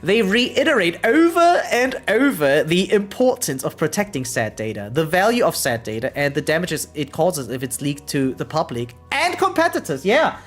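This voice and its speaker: Over music, a variety streamer offers casual reaction commentary in a medium-pitched voice at a normal speed with few pauses. The streamer reads aloud and chats excitedly, full of exclamations and regular "right?" prompts.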